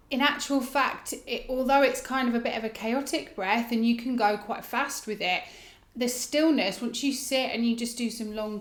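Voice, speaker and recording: A woman teaching a yoga breathing technique, explaining it informally and guiding gently with soft phrase endings. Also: fairly high pitch. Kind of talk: instructional demonstration, casual explaining. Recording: roomy, echoing indoor sound.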